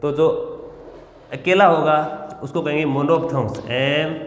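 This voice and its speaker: A male teacher with a slightly high voice gives a classroom lesson at a slow pace, explaining step by step and answering his own questions. Slight background noise accompanies the echoey room's long reverb.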